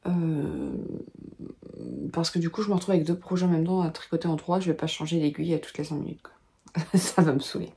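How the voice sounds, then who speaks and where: Mellow-voiced woman chatting about her day. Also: deep voice, steady tone, a little fast. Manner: chatty, many filler sounds, thinks aloud. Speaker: knitting vlogger and pattern designer. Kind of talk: casual chat to camera. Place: home at a desk, lit by a lamp.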